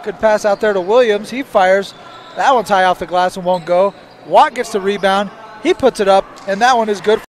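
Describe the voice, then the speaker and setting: A man's voice: high-pitched, normal speed, slight background noise. A man calling basketball play-by-play, following each pass and shot. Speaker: play-by-play commentator.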